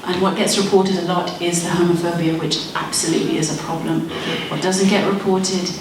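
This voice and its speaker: This is a brisk, level-toned woman with a lowish voice, speaking in a debate far from the mic amid background noise in a very echoey hall. In her thirties, she comes from Malawi and grew up in Zimbabwe, and she argues earnestly and persuasively with wry asides.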